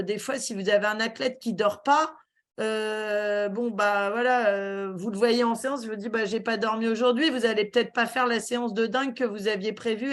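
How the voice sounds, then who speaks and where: A woman with a slightly high voice gives a webinar talk over a video call. She halts often, with many fillers and restarts. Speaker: guest speaker.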